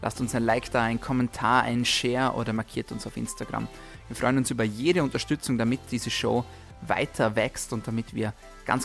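A man with a mid-range voice and noticeable vocal fry delivers a motivational podcast monologue as its host, a health coach. He speaks emphatically and uses rhetorical repetition.

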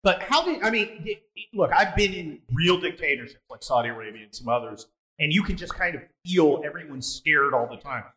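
Male host for a casual interview; bright, pushy, provocative delivery with lots of restarts. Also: fairly high pitch, expressive, brisk, low-quality recording. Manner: blunt, provocative, rambling with restarts. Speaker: podcast host.

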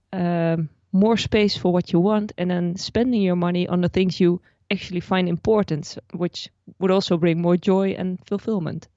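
A Dutch personal finance blogger, a woman from the Netherlands, explains her ideas at length as a guest on a podcast interview, restarting often. Her voice is fairly low and warm, and the recording is dry and dull.

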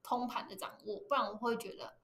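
A woman with a Taiwanese Mandarin accent, co-hosting a podcast in casual chat, telling animated stories and laughing often. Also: on the high side, quick pace, roomy sound. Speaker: podcast co-host.

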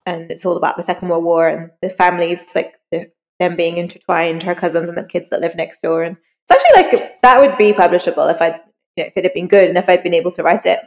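Talking fast in a lowish voice, this woman is an interview guest. She tells personal anecdotes conversationally, informal and self-deprecating. Everything rings with a long hall echo.

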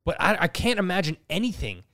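A man's voice: sits high, sing-song, fast, pushed and bright, no room sound, clean studio sound. A man co-hosting a podcast, telling a story in an earnest, reflective way. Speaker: podcast co-host. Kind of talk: casual chat.

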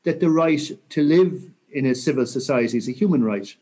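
A man in his sixties with a west of Ireland accent, talking reflectively and earnestly in an interview with measured, rhetorical phrasing. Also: mid-range voice, mellow. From County Mayo, Ireland. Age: 60s. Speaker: interview guest, senior military officer.

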